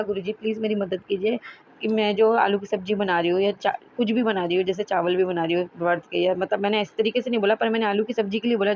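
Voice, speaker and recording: A woman's voice: mid-range voice, darkish tone. A woman casually sharing a devotional testimony with listeners, chatty and rambling with frequent restarts, earnest and pleading when she speaks to her guru. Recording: dull lo-fi recording with faint hiss.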